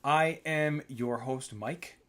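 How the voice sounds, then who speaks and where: A man's voice: medium pitch, slow, a bit bright. A man hosting a casual video interview, upbeat and encouraging, often restarting his sentences. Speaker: host.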